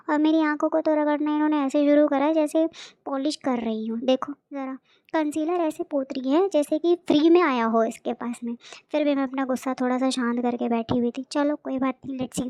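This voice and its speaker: Sarcastic young woman, high clear voice. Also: a little mellow, no echo. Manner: sarcastic, exasperated storytelling. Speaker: beauty vlogger. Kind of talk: comic voice-over commentary.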